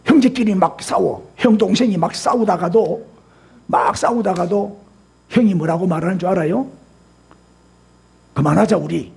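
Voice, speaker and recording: A man's voice: sits high, moderate pace, a little mellow. A male senior pastor preaching a sermon, firing rhetorical questions at the congregation. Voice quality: husky.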